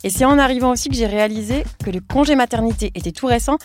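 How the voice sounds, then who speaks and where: A woman who grew up in France, a radio journalist co-hosting a documentary with calm, clear narration. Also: on the high side, quick pace, faint music behind.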